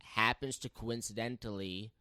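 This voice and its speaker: A man's voice: fairly low pitch, steady tone, moderate pace, pushed and bright, no echo, clean studio sound. A man in casual podcast banter, laying out an elaborate theory in an earnest, wordy way.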